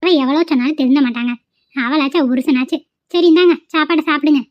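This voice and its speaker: Actress for a retorting village housewife with a Kongu Tamil accent, high and quick, muffled lo-fi quality. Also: female voice, no room sound, close to an everyday voice. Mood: argumentative. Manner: argumentative, retorting. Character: sharp-tongued village housewife. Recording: dull lo-fi audio.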